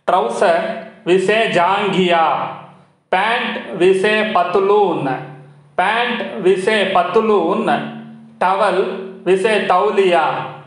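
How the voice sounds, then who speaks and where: A man with an Indian English accent teaching a vocabulary lesson, repeating each word pair in a steady drill. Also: high voice, extremely slow. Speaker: Hindi teacher. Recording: very echoey room.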